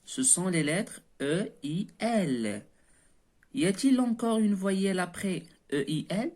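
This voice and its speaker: A woman teacher talks very slowly, with a lowish voice. She leads a children's reading lesson patiently, spelling out letters and praising often, and her pitch rises and falls a lot. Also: expressive, darkish tone. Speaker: primary school teacher.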